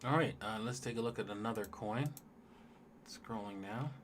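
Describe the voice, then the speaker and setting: Guy on a livestream going over charts, lowish voice, rambly, a little hiss in the background. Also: moderate pace. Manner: loose, rambling, talks straight to viewers. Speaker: livestream host. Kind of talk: casual livestream chart commentary.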